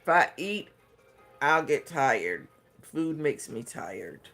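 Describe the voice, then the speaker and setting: A man on a craft livestream works through viewer comments at a very slow, easy pace, often pausing and thinking aloud as he answers. His voice sits a little higher than most men's. Soft music plays faintly underneath. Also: very animated, creaky. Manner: unhurried, hesitant, thinking aloud between comments.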